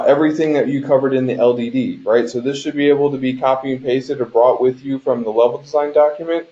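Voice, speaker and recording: This man teaches game design over a shared screen, his mellow voice sitting at medium pitch. His style is explanatory, and he often asks "right?" to check in. Captured through a conference call mic, the sound is slightly dull and lo-fi.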